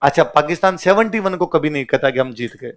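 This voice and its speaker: A male history teacher giving a casual classroom lecture, telling the story in plain everyday speech and asking the class a quick question after almost every point, then answering it himself. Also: a little high, expressive.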